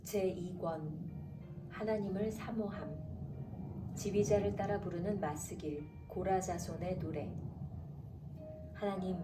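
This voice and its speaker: Calm and measured, a female announcer reads Bible passages aloud in a fairly low pitch, easing her pace whenever a chapter heading comes up. The audio is echoey and faintly noisy, captured well away from the microphone.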